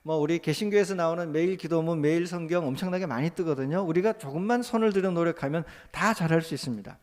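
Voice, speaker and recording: A male pastor preaching a sermon, moving from calm teaching into loud, impassioned spoken prayers. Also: fairly high pitch, fast. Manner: rises to loud impassioned voiced prayers, then drops back to calm teaching.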